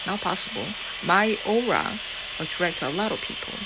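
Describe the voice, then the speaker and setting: A woman with a Korean accent and a voice on the low side talks at a moderate pace directly to viewers, defiant and rambling, with swearing, fillers, and restarts. Loud, steady background noise is present.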